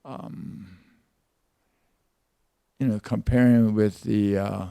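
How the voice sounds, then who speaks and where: An older man in his eighties from Peru speaks slowly and with care, his gravelly voice dark and heavy. The sound is dry and close, with no room around it. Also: lowish voice, steady tone, dry recording. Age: 80s. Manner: slow, deliberate recollection with repeated words. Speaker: interviewee. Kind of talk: oral history interview.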